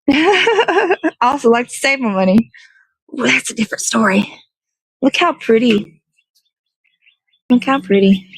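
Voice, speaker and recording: A woman with a high-pitched, animated voice hosts an online morning show, livestreaming outdoors in the cold and meandering through casual chat as she thinks aloud. She keeps a measured pace with long pauses, her tone slightly rough. It's a dry, low-quality recording.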